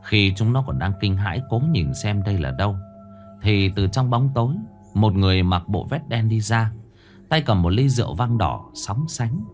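A man with a low voice narrates a dark crime story in a grave, dramatic tone. His pitch rises and falls widely, and faint music hums underneath. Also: animated, normal speed.

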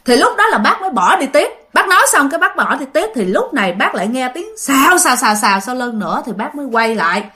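Fast and with few pauses, this woman speaks in a high, sing-song, bright, forceful voice. She has a Southern Vietnamese accent and chats her way through a ghost story, addressing listeners directly and using lots of fillers.

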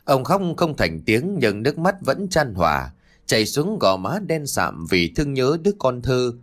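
Somber male storyteller with lively pitch. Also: moderate pace. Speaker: audiobook narrator. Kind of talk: scripted storytelling narration.

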